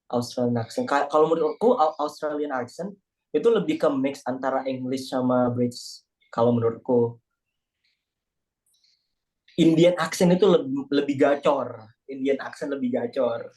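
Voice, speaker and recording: A man's voice: medium pitch, moderate pace, long pauses, a little mellow. A young man from Indonesia chatting casually and joking in a class discussion.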